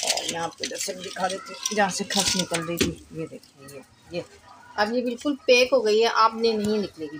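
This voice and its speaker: A woman with a Pakistani accent, a mother vlogging outdoors at home as she shows a repair, chatty and explanatory, often checking in with her viewers. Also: mid-range voice. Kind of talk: casual home vlog, demonstrating a repair. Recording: noisy with clicking sounds.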